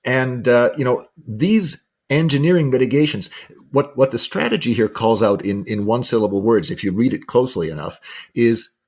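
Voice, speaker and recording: A man's voice: medium pitch, normal speed, a little mellow. A man hosting a podcast, explaining at length with frequent restarts and repetitions. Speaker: podcast host.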